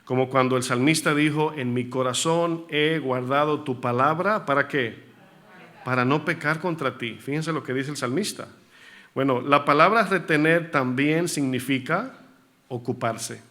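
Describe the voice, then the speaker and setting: This preacher is a man whose medium-pitched voice sounds pushed and bright, and he delivers his church sermon at an unhurried pace. Throughout, he asks the congregation questions and drives home key words by repeating them.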